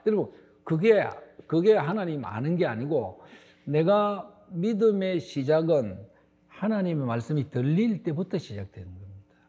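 A man's voice: on the high side, big pitch swings, normal speed, dark tone, breathy edge. A middle-aged male pastor delivering a sermon, stressing words emphatically and turning to the congregation with asides.

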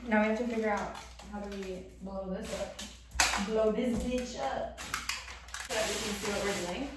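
A woman's voice: medium pitch, fairly even intonation, normal speed. A young woman co-hosting a vlog in casual chat, recorded in an echoey, nearly empty room. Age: young adult. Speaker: vlog co-host. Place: nearly empty bedroom indoors. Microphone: camera across the room. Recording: echoey room, distant mic, noisy.

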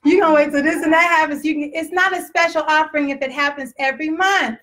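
Woman preacher, Texas accent, blunt and chatty, fairly high voice. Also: steady tone, quick pace, fairly bright tone. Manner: blunt, conversational preaching with laughs. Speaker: pastor. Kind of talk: sermon.

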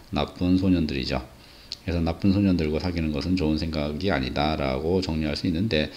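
A man teaching an English idiom lesson, explaining patiently and pausing on filler sounds. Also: deep voice, darkish tone.

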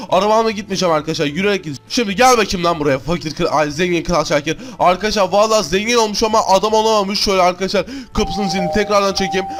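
A male gaming host commentating a Minecraft role-play, rattling along at breakneck speed in a high voice. He keeps calling out to viewers as his friends between lines of play. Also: fairly bright tone. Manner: rapid chatter, constantly addressing viewers as friends.

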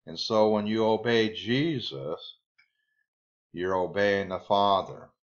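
A man giving a Bible study sermon, reading scripture aloud and then explaining it in a deliberate way. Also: fairly low pitch. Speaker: Bible teacher. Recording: slightly dull lo-fi recording.

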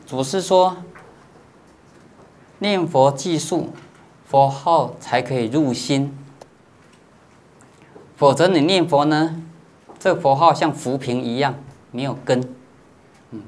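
A man, a Buddhist monastic teacher, giving a dharma lecture in a patient, explanatory way, often pausing on drawn-out filler particles and checking that his listeners understand. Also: medium pitch, a little mellow.

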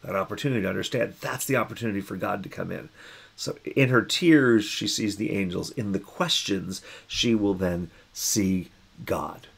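A pastor speaking in a musing, conversational way, reflecting on a Bible passage and acting out the voices in it. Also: male voice, fairly low pitch, moderate pace, gravelly, breathy edge.

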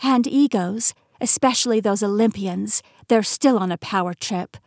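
A woman voicing a poised immortal woman keeper who explains things in a measured way, in an audiobook reading. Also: mid-range voice, no echo, clean studio sound, natural voice.

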